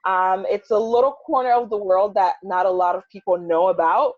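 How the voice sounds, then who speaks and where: A woman's voice: medium pitch, steady tone, a little fast, dry recording. A young woman from the United States answering interview questions over a choppy, bad video-call connection, telling her story in a chatty way. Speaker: interview guest, English teacher. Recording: dull lo-fi call audio, dry.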